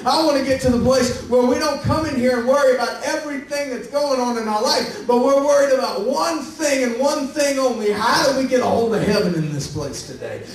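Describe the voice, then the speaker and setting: A man's voice: expressive, fairly quick, few pauses. A man preaching a sermon as pastor, building his points with rising emphasis and calls out to his church. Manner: high-pitched, preaching with rising emphasis and call-outs to the church. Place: large church hall. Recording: echoey church hall from far off, faint hiss.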